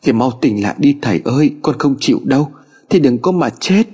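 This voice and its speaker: A man's voice: medium pitch, animated, quick pace, darkish tone, breathy edge, voice pushed up. A man voicing a desperate young girl who pleads and sobs over her dying teacher. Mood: pleading. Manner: pleading, sobbing.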